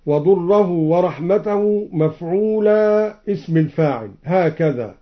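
Slow, measured male recitation teacher. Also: high voice, animated, lo-fi sound. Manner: slow, measured explanation broken by melodic chanted recitation. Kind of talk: explaining recitation variants, then chanting verses.

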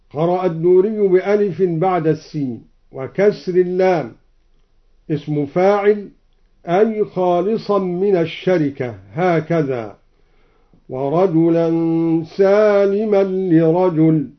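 A man teaching Quranic reading variants, explaining each in measured speech and then chanting the verse melodically. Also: high-pitched, dull audio.

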